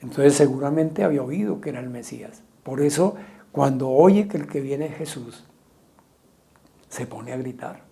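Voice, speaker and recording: A man preaching a sermon as pastor, asking repeated rhetorical questions and loudly acting out quoted cries. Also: medium pitch, moderate pace, creaky. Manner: rhetorical questions, dramatic quoting of shouts.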